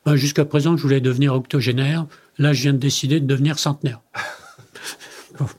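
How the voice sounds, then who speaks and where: A man's voice: mid-range voice, flat delivery, a little fast, a little mellow. An older man, a company president interviewed as a guest, tells personal stories in conversation and acts out the dialogue he quotes.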